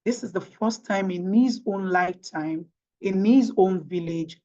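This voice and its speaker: Speaking in a Nigerian accent, an interview guest from Nigeria who works in tech and grew up speaking Yoruba answers with emphasis and rhetorical questions. Her voice is mid-range and a little mellow, and the audio sounds dull.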